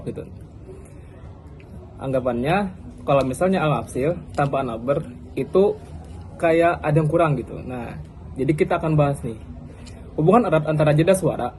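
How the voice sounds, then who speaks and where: A young man with a fairly high voice talks through a class presentation in a loose, chatty way. He pauses with fillers and restarts his sentences often. A faint hiss of noise sits behind him. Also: darkish tone, rough recording. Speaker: student presenter.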